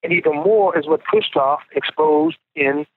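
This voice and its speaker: A fairly high-voiced man talks on a payphone call, his voice squeezed into a thin, tinny phone band. He speaks earnestly and often stumbles over his words, repeating them as he pushes his point. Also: a little slow, slightly rough, no echo. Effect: payphone call over a tinny prison phone line. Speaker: incarcerated interviewee calling in. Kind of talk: casual phone interview. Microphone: prison payphone handset.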